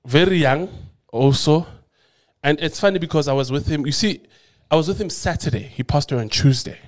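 A man's voice: a little high, a little fast. A man in his thirties with a nasal voice, hosting a podcast in a playful, rambling way full of restarts. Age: 30s. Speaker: podcast host. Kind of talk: casual podcast chat.

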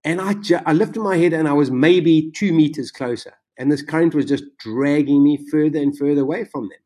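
A man telling his own survival story in conversation, animated and vivid, his voice jumping up when he relives the excitement. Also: on the high side, brisk. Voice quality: self-described macabre sense of humor.

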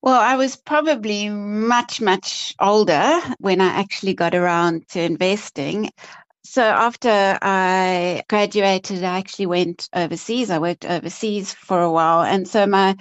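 A woman's voice: medium pitch, a little slow, lo-fi sound. A woman from Africa, an investment professional answering interview questions in a chatty way. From South Africa. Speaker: guest, chief investment officer.

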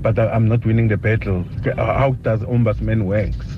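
A man's voice: fairly low pitch, fairly even intonation, moderate pace. Give me a man leaving a voice message for a radio show, stumbling and repeating his words. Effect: recorded voice message played on air. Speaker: caller leaving a voice note. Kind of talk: casual complaint. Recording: dull lo-fi voice note with noise behind.

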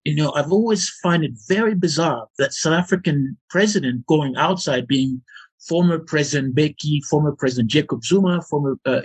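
A man's voice: a little high, husky. A man explaining his argument as an interview guest, emphatic and repeating his points for stress.

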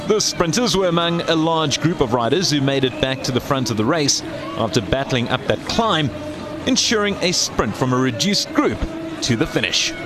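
A man delivering scripted sports highlights narration as a news narrator. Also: expressive, moderate pace, noisy background.

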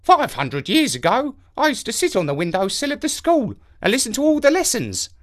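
A man's voice: extremely high pitch, huge pitch swings, a little fast, fairly bright tone, pitched above the performer's own voice, heavily acted. A man doing a wise old talking crow. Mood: proud.

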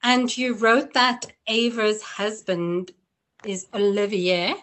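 A woman interviewer from South Africa asks an author about her characters in a curious, meandering way. Her voice is mid-pitched and conversational, with filler sounds as she thinks. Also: level tone, slow, a bit bright.

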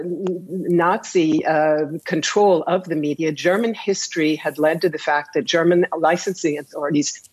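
A woman, the chief political correspondent, answering questions in a live news interview in a measured way with frequent filler pauses. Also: deep voice, a little mellow, slightly rough.

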